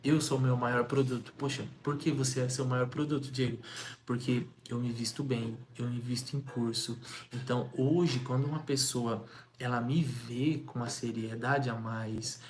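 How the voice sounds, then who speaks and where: Energetic young man coaching. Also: mid-range voice, moderate pace, slight background noise. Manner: energetic, repetitive, rhetorical questions. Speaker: sales coach. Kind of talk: motivational talk to camera.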